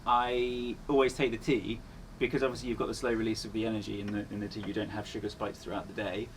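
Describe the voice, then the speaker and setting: A man's voice: fairly low pitch, flat delivery, fast. A man chatting casually as an interview guest, speaking in an earnest, reflective way. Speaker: endurance runner, interview guest. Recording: clearly noisy ambient background.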